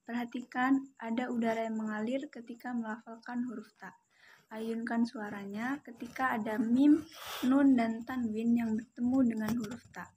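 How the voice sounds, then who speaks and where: A young woman from Indonesia giving a Quran recitation lesson, explaining each letter slowly and carefully and drawing out the sample syllables. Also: a little high, a little mellow, a little hiss or hum, rough recording. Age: young adult. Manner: slow, careful instruction with drawn-out sample syllables. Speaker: student presenting a lesson.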